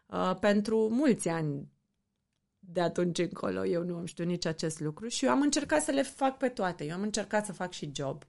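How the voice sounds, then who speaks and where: A woman's voice: lowish voice, lively intonation, gravelly, darkish tone. A woman from Romania, a mother, talking earnestly and reflectively as an interview guest. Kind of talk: candid interview talk.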